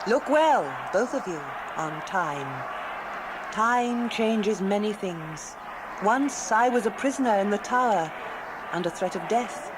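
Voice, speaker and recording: A woman's voice: mid-range voice, animated, slow pace, background noise. An actress playing a regal, commanding English queen in a children's historical drama, declaiming in an English accent. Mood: gracious, solemn. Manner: stately, declamatory, imperious.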